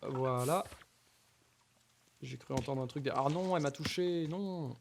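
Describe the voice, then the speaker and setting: A man's voice: mid-range voice, measured pace, vocal fry, a little hiss or hum. A man giving casual commentary on his Minecraft playthrough, talking to the mobs and to viewers, repeating nervous exclamations in tense moments. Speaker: gaming YouTuber.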